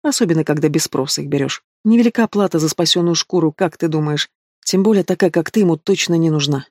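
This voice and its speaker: A cold, menacing young man full of cynical mockery, as a male narrator puts him on. He talks in a slightly high, clipped voice, close and dry with no room around it. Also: fast talker, dry recording. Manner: cold, mocking, threatening.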